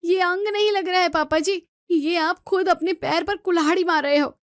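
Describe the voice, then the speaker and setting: Scolding daughter-in-law, voiced by the narrator, high and exasperated, dry close storybook audio. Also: female voice, steady tone, normal speed, dry recording. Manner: scolding, pleading.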